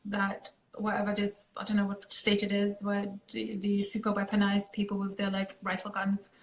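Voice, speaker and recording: A woman's voice: mid-range voice, monotone, normal speed, poor audio. A woman from Austria with an Austrian German accent, hosting a casual interview and talking in a chatty way full of fillers. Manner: chatty, heavy with fillers like "like" and "you know". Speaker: host.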